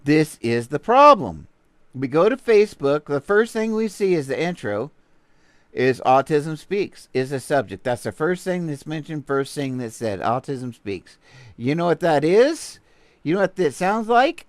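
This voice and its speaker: A man's voice: fairly high pitch, big pitch swings, unhurried, no echo. A man with a Texan accent hosting a casual livestream, rambling playfully and greeting viewers while he browses. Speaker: livestream host.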